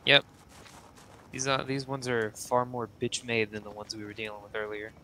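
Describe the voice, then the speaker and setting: A man's voice: lowish voice, flat delivery, normal speed, pushed and bright, a little hiss or hum, poor audio. A young man chatting casually with friends while playing a video game, joking and swearing freely. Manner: profane, joking. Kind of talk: casual gaming chat with friends. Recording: music behind the voice.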